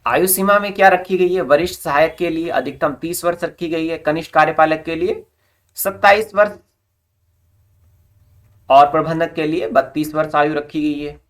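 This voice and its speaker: Reading an official recruitment notice aloud, this presenter of job recruitment updates explains it instructively, restating the formal terms in plain words. The voice is mid-range and the pace moderate.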